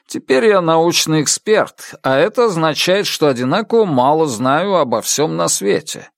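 Male narrator playing a cautious, evasive scientist, a bit higher, animated. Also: moderate pace, vocal fry, no echo. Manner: cautious, hesitant, slightly raised voice.

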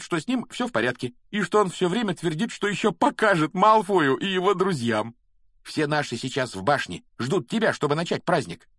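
A man voicing an overexcited schoolboy who shouts his news in a breathless rush. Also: on the high side, husky, dry recording, clean studio sound, voice pushed up, heavily acted. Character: overexcited schoolboy yelling with joy.

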